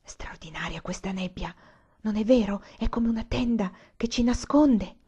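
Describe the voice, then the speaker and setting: A woman's voice: on the high side, normal speed, warm tone, husky. A woman reading the lines of an earnest young man in love, pleading and urgent, sometimes whispering.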